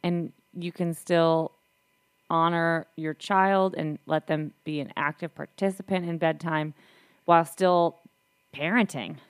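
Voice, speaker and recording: A woman's voice: sits low, fairly even intonation, a little slow, clear, resonant tone, no room sound, studio quality. A young woman co-hosting a casual parenting chat, easygoing and affirming.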